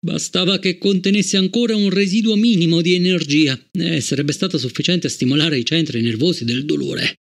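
A man narrating an audiobook in a measured, even storytelling manner. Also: a little high, gravelly. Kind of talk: scripted narration.

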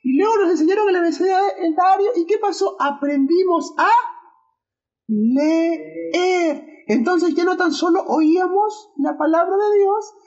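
Super high little boy puppet, woman doing it, goofy church kids show, call and repeat, muffled lo-fi sound. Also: a little slow, a little mellow. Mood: playful. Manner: playful, laughs at own jokes, call-and-response. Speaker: children's church puppet teacher. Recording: dull lo-fi recording.

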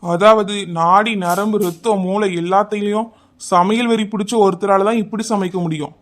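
A man's voice: high voice, steady tone, normal speed, lightly acted. A man voicing a stern village doctor in a cartoon comedy, grave and lecturing.

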